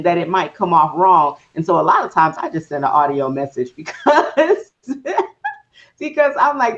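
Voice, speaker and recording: A woman hosting a casual chat, telling a story in a rambling way and acting out her own thoughts as quotes. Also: lowish voice. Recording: dull, lo-fi sound.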